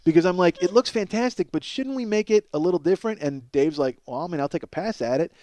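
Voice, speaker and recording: This middle-aged podcast comic's voice sits high as he races through an excitable, meandering, foul-mouthed monologue, mocking himself and stumbling on repeated words. The sound has no echo.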